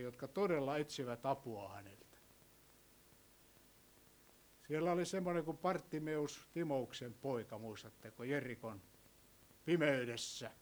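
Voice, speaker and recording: Middle-aged male preacher, high-pitched, storytelling sermon, quiet to loud. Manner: storytelling, swings between soft and loud.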